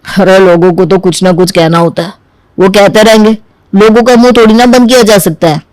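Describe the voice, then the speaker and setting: A stubborn chubby young man from a cartoon, whining and arguing over every point, voiced by a man. His voice sits high for a man and sounds dry and close, with no room around it. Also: steady tone, brisk, a little mellow, no room sound, lightly acted, rough recording. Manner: whiny, argumentative. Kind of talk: Hindi cartoon dubbing.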